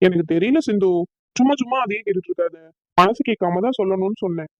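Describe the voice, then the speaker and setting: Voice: medium pitch, quick pace, no echo, lightly acted. Someone voicing a bitter young man Rahul. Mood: resentful. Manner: bitter, brooding complaints. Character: hurt, resentful young man about to marry.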